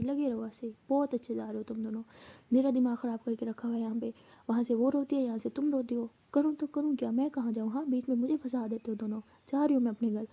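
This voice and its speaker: A woman's voice: on the high side, slightly rough, phone-quality sound. A woman voicing a young woman's bossy, caring best friend who scolds bluntly.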